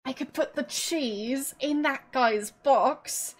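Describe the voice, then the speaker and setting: Slow-talking woman streaming a game. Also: high-pitched. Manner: halting, musing. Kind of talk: casual game commentary, thinking aloud.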